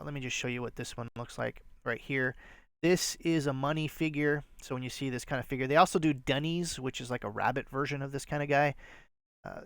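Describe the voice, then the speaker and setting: Male vlog host, nasal and gravelly, rambling casual delivery, dry close recording. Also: mid-range voice, dry recording. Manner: rambling, filler-heavy, self-deprecating. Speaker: resale channel host. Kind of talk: casual show-and-tell vlog.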